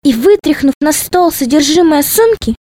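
A woman narrating a children's storybook in a playful, expressive way. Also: high-pitched, moderate pace, no room sound, clean studio sound.

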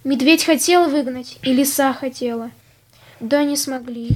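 A woman's voice: high voice, measured pace, darkish tone. A woman voicing a timid, cowardly male hare in a storybook, speaking in a plaintive, complaining tone.

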